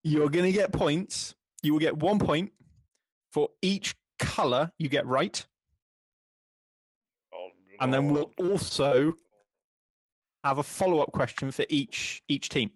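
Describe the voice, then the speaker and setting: A man with a fairly high voice runs a podcast quiz segment in an upbeat, dryly joking way. He talks over an online call. He sounds casual and conversational throughout. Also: takes it slowly, pauses often, dry recording. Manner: upbeat, wry quizmaster. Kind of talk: casual chat.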